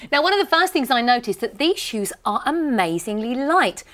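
A woman's voice: high voice, very animated, moderate pace, a bit bright. A middle-aged British woman hosting a shopping channel, delivering upbeat scripted sales patter in a studio. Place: TV studio lounge set.

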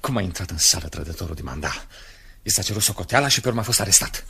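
A man's voice: low-pitched, vocal fry, breathy edge, heavily acted. An actor playing Camille, an eager young male revolutionary, in a 1970s radio drama. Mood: excited. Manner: excited, lively storyteller.

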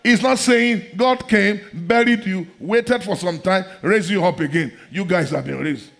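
A middle-aged man preaching a sermon in a large church hall, fervent and repetitive, often breaking into shouts. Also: sits high, a little slow, creaky.

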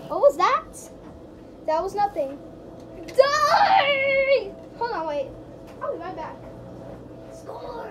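A gaming video creator talking through a voice changer, giving casual gameplay commentary and yelping excitedly at the game. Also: slow, pauses often, heavy background noise. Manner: excitable, yelps and shouts at the game. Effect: pitch-shifting voice changer.

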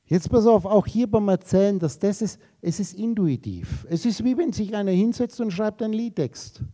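This is a man lecturing to a live audience, his voice pitched high yet dark and mellow in tone. He rambles through associative wordplay and speaks to his listeners directly and casually. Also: animated, moderate pace. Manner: addresses listeners directly and informally. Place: lecture room.

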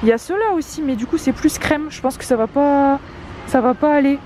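A young woman with a fairly high voice chats casually to a handheld camera while out shopping. She speaks through a face mask, slightly muffled, with clear ambient noise around her. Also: fairly quick. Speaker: vlogger. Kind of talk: casual shopping vlog chat. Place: car, then large busy discount store. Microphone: handheld camera at arm's length. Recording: clear background noise, store and vehicle ambience.

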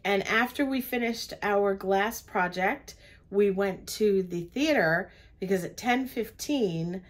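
A woman's voice: mid-range voice, takes it slowly. An older woman on a cruise ship, chatting through the day's events in a travel vlog from her cabin. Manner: chatty, recounts the day step by step. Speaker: travel vlogger. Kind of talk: casual chat.

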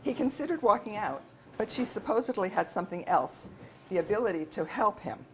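A woman co-author reading her novel aloud at a bookstore event in a steady, measured narration. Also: mid-range voice, slight background noise.

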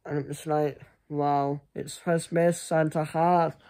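Slow, mellow young man, rambling. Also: on the high side, little pitch movement. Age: young adult. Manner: rambling, halting, trails off. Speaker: vlogger. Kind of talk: casual chat to camera. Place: small furnished room indoors. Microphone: phone at arm's length.

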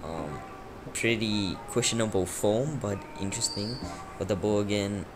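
Speaking at a normal speed in a lowish voice, a young Afrikaans man rambles casually through his gameplay commentary, leaning on plenty of fillers. Loud game music plays beneath his voice-over for his YouTube channel.

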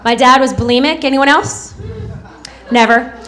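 A woman's voice: high voice, normal speed, fairly bright tone. A woman in her thirties performing a stand-up set on a club stage into a handheld mic, with a sarcastic, snappy delivery. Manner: sarcastic, snappy delivery with mocking character voices. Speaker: stand-up comedian.

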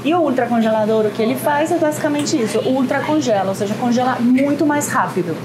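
A woman's voice: sits high, quick pace. A woman chef and restaurant owner giving a casual walking tour of her restaurant kitchen, pointing things out as she goes. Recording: audible kitchen background noise.

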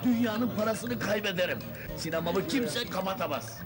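An actor playing an indignant, stingy village cinema owner in an old comedy film. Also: male voice, high voice, normal speed, over music, lightly acted.

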